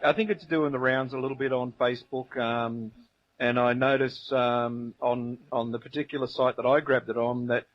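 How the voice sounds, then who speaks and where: A man's voice: mid-range voice, fairly even intonation, normal speed, no room sound. A man with a broad New Zealand accent presenting in casual group banter, hesitant and jokey as he stalls. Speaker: radio show presenter of a New Zealand segment. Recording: dull lo-fi audio with vehicle-like background noise.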